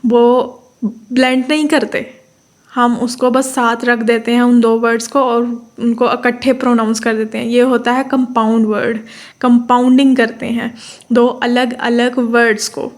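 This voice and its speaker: A woman with a Pakistani accent giving an explanatory lecture, repeating terms, checking with her listeners and reading definitions slowly. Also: a little high. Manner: reads English definitions slowly. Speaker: teacher.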